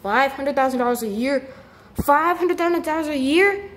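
A woman's voice: high-pitched, close to an everyday voice. A woman voicing a bratty young male koopa prince who whines and sighs, filmed on a handheld phone at home. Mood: eager. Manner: whiny, grumbling, drawn-out sighs. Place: home kitchen. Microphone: handheld phone camera.

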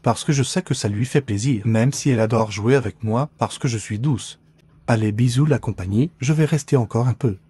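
A man's voice: medium pitch, fairly quick, warm tone, slightly rough, close to an everyday voice. A man doing a cheeky boastful pet ferret. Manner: playful, teasing, mock-dramatic. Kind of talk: comic voice-over for pet videos.

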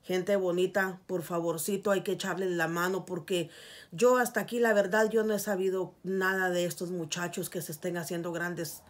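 Middle-aged woman, Guatemalan accent, earnest pleading vlog talk, lowish voice, small room. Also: fairly even intonation, normal speed. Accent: Guatemalan Spanish. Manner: earnest, pleading, repeats "please, guys". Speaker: vlogger. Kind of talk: casual heartfelt appeal to viewers. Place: small indoor room with curtains.

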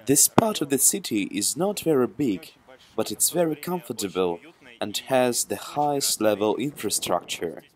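A young man explaining a neighborhood outdoors in a steady, fluent way. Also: medium pitch, normal speed, low-quality recording. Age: young adult. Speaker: local guide friend. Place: outdoors in a housing district.

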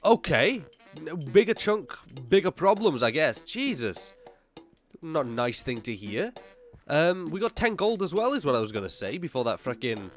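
His voice sits on the high side and is fairly bright, with a slight nasal tinge from a cold. The young gaming YouTuber casually commentates a gameplay video, jumping around chattily and talking to himself and the game.

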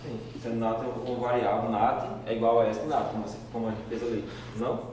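A man's voice: mid-range voice, steady tone, quick pace, a little mellow, slight background noise. A male student calling out brief answers from his seat in a university classroom. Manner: brief answers called out from the seats. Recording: distant, roomy lecture-hall pickup.

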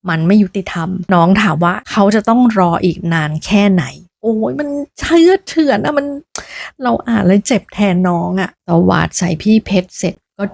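A woman's voice: medium pitch, expressive, normal speed, gravelly, a little mellow, no echo. A woman hosting a storytelling podcast, retelling a novel in a chatty, emotional way with gossipy asides.

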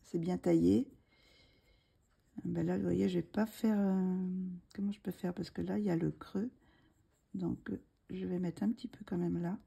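A woman's voice: on the low side, fairly even intonation, moderate pace, creaky, pauses often, dark tone, slightly rough. A woman hosting a coloring tutorial, talking casually and hesitantly with many fillers and restarts, murmuring asides as she works, with a slight frog in her throat. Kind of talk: casual tutorial talk while drawing.

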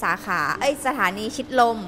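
Bright-voiced woman explaining a showroom. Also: moderate pace, a little hiss or hum. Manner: explaining products, polite particles. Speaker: showroom staff guide. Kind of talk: casual live showroom tour. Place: indoor showroom.

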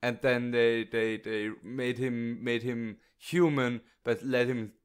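A man's voice: medium pitch, fairly even intonation, takes it slowly, clean tone. A man co-hosting a podcast in casual chat about an old movie, agreeable, often laughing and stumbling over repeated words. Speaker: podcast co-host.

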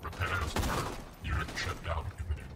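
A man voicing a damaged combat robot in a video game, speaking clipped status reports through a robotic filter as it malfunctions and nears shutdown. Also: moderate pace. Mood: glitching, mechanical. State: failing, glitching, near shutdown. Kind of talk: video game character lines. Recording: loud game music behind.

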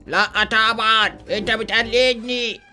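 A man's voice: high voice, steady tone, moderate pace, over music. A man with an Egyptian Arabic accent playing along in a gameplay comedy skit, bickering in a whiny way. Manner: whiny, bickering sidekick banter. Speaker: co-player in the skit.

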